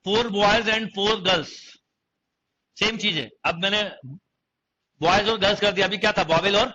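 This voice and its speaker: A man's voice: high-pitched, sharp tone. A young man teaching a maths class to students, often quizzing them and repeating key phrases. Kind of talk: online coaching class lecture. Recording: dull lo-fi class recording.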